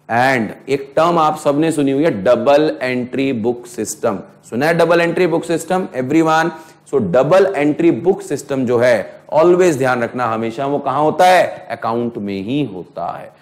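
Hindi-English lecturing male teacher. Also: medium pitch. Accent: Indian English. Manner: mixes Hindi and English, slows right down to dictate definitions, asks students questions. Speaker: accounting lecturer. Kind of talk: classroom lecture. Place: classroom with students.

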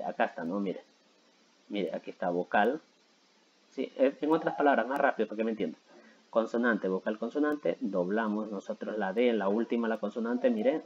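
Low, mellow-voiced man teaching grammar. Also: breathy edge, highs cut off. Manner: patient, repeats himself with many "¿sí?" and "¿no?" check-ins. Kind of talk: explaining grammar to school students.

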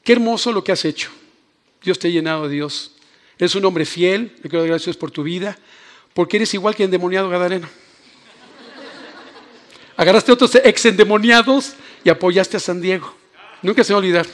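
A man's voice: sits high, a little fast, pauses often, a faint crowd. A man preaching an emotional sermon in a church, joking with the congregation and calling on people by name. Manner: emotional, animated, jokes with the congregation. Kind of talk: lively sermon. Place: church hall.

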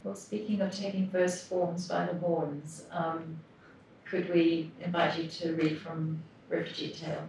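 A woman interviewer asking questions haltingly. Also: lowish voice, little pitch movement, a little mellow. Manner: hesitant, halting. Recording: roomy, distant mic, faint background noise.

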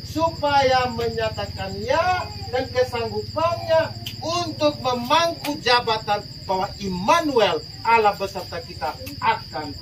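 Papuan Indonesian priest preaching over crickets. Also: male voice, very high voice. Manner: lively, asks the congregation questions. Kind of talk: sermon. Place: outdoor open-sided tent at night. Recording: loud insect noise from far off.

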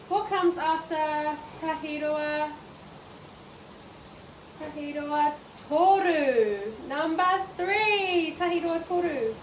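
A New Zealand woman with a high voice runs an interactive children's story lesson inside a preschool. She speaks in a cheerful, coaxing sing-song, lingering on her words. Background noise and a far-off, roomy mic color the sound.

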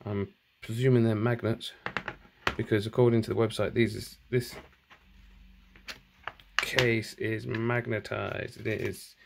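A low-ish male voice with vocal fry and little pitch movement moves slowly, leaving long pauses against a noisy background. The speaker, a channel host at home indoors, casually unboxes something while thinking aloud and correcting himself, filming one-handed on a handheld phone.

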